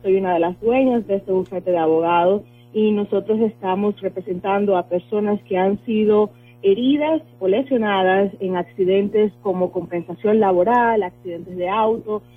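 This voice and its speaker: Woman, Dominican accent, lawyer guest, earnest explainer, fillers, tinny phone line, faint music. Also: medium pitch. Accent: Dominican Spanish. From Dominican Republic. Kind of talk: radio interview over the phone.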